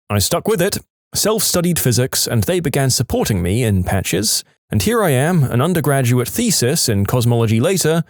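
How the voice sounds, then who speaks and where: A male narrator with a lively, swinging delivery reads Reddit stories aloud. He punches the funny lines with playful emphasis. The recording is close and dry, with no room sound. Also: mid-range voice, dry recording.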